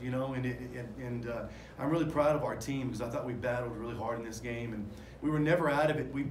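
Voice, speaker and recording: Middle-aged coach guy at a postgame presser, talks in loose restarts and um's, table mics, echoey room. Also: medium pitch. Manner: candid, rambling with many fillers and restarts. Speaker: head basketball coach. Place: press room in front of a sponsor backdrop. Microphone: table microphones. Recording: echoey room with faint noise.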